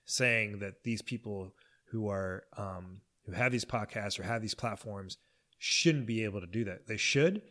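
A man's voice: on the low side, measured pace, fairly bright tone. A man in casual podcast conversation who talks emphatically, often restarting and cutting in. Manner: emphatic, restarts a lot, interjects. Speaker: podcast host.

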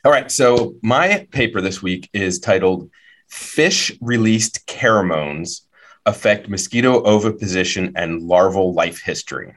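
A man's voice: sits low, a bit bright. A man. He speaks as a panelist, casually laying out scientific research.

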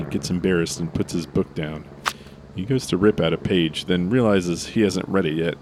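A man narrates a scripted comic story in a flat, matter-of-fact way. His voice sits very low. Clear background noise runs under the recording.

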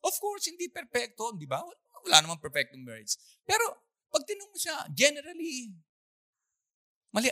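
A preacher telling a story in a sermon, acting out the scenes with animation and clearing the throat often. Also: medium pitch, sharp tone, dry recording, clean studio sound.

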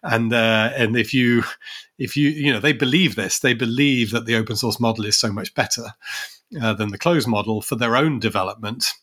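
A man's voice: medium pitch, normal speed, a bit bright. A man co-hosting a podcast, talking through ideas thoughtfully with many restarts and asides. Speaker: podcast co-host. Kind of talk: conversational policy discussion.

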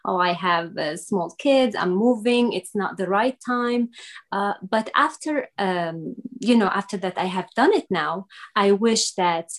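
Syrian-accented woman on a podcast, mid-pitch voice, earnest, lots of uh and um. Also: animated. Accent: Syrian Arabic. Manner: earnest, with many "uh" and "um" pauses. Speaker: guest, makeup artist. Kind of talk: podcast interview.

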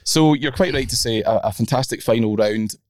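A man's voice: mid-range voice, fairly quick, a little mellow, no echo. A man hosts a casual podcast chat with a dry, teasing wit and a mid-range voice. He is recorded close on the mic, with no room sound at all. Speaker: podcast host. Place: on site at a golf tournament.

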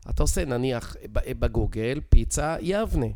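A man's voice: mid-range voice, animated, darkish tone. A middle-aged man with an Israeli accent talks in an informal, explanatory way. He is insistent and teacherly, punctuating his points with short check questions. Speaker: real estate expert guest. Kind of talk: casual explanatory conversation.

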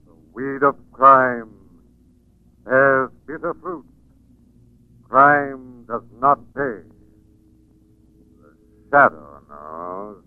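An actor playing a mysterious invisible avenger in a 1940s radio drama, commanding, taunting and deliberate. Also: male voice, medium pitch. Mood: ominous. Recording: dry, narrow-band 1940s radio recording.

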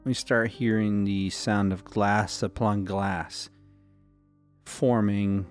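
A man serving as game master, narrating scenes of a tabletop role-playing game in a slow, measured way. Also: fairly low pitch, steady tone, faint music behind.

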